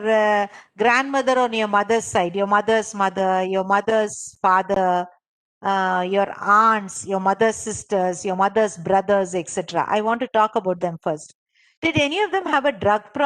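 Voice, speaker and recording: Speaking at a normal speed, a woman with a medium-pitched, fairly bright voice leads an interactive online lesson for a clinical interviewing course. Her explanations go step by step with frequent repetition. She keeps quizzing participants and checking that they follow.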